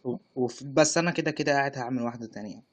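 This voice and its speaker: A man's voice: mid-range voice, very fast. A man with an Egyptian accent, chatting casually as a guest on a live stream and explaining his artwork. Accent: Egyptian Arabic. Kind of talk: casual chat.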